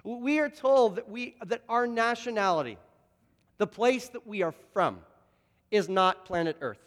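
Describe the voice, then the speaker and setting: High-voiced pastor in a reverberant hall. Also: male voice, a little slow. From Canada, Toronto. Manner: lively anecdotes, frequent word repeats and restarts. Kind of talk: storytelling sermon.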